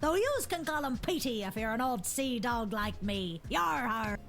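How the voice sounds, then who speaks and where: A woman playing a boisterous, swaggering female pirate captain in a video game, talking like a gruff old sea dog. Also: fairly high pitch, very animated, a little slow, fairly bright tone, soft background music, heavily acted. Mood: hearty, boastful. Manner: gruff old-sailor pirate talk with hearty cries. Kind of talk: video game character acting.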